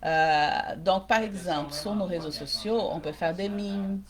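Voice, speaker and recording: A woman's voice: on the low side, unhurried, a crowd in the background. Female coach with a mixed Québécois-Brazilian accent, live-stream workshop host, direct with viewers and checking in often. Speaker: small-business coach.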